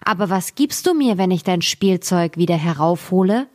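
A woman voicing a pleading male frog from a fairy tale, who talks slowly and insistently. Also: fairly low pitch, animated, darkish tone. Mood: coaxing.

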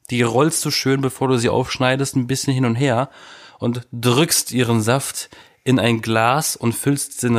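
A man with a cold and sore throat, chatting casually and telling jokey home-remedy stories. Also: mid-range voice. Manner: joking, animated storytelling. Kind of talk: casual chat.

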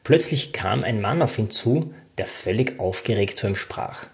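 A man's voice: on the low side, animated, moderate pace. A man coaching in a self-help talk, speaking directly to the listener in an informal way.

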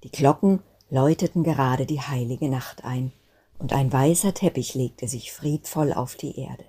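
A woman narrating a Christmas children's story in a gentle, expressive reading manner. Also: very deep voice, moderate pace, slightly rough. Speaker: guest storyteller.

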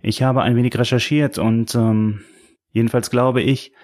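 A man's voice: mid-range voice, steady tone, moderate pace, darkish tone, natural voice. A man voicing a polite, hesitant male doctor who stumbles over his words in an audiobook. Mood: earnest. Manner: hesitant and courteous, with ums.

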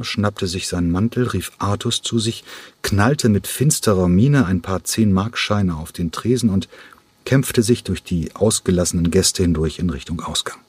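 A man reading an audiobook in a measured storytelling manner. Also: low-pitched, husky, no room sound. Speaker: audiobook narrator. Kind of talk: scripted narration.

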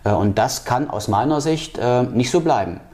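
A man gives long, earnest answers in an interview. His voice is mellow and low-key. He halts often, restarting phrases and filling pauses with hesitation sounds. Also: animated. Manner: halting, many fillers and restarts. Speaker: political candidate.

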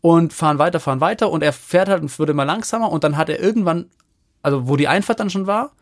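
A man's voice: a little high, no room sound, studio quality. A man co-hosting a podcast, animatedly telling an anecdote in a casual chat with lots of fillers. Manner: animated storyteller, rapid with many fillers. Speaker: podcast co-host.

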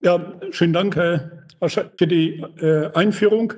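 A man's voice: high voice, unhurried, a little mellow, dull audio. A middle-aged man, a professor and institute director, speaking as a guest over a remote line, hesitant with many filler sounds. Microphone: remote connection.

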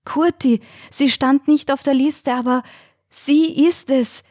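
A woman's voice: high-pitched, steady tone, takes it slowly, a little mellow, dry recording, studio quality, voice pushed up. A woman voicing an old man in a wheelchair, breathless and eager.

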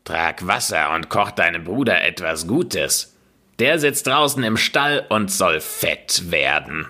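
A man voicing a cruel, greedy old female witch in a storybook reading, with a shrill, harsh voice. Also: animated, slow, bright, forceful tone, heavily acted. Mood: scolding.

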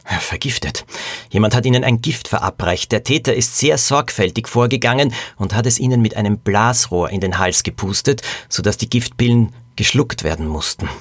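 A man's voice: on the low side, normal speed, no room sound, lightly acted. A man voicing a grave, worried vet.

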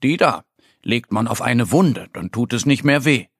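A man voicing a friendly, knowing male bear in a children's story, explaining things gently. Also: medium pitch, lively intonation, unhurried, slightly rough, dry recording, studio quality.

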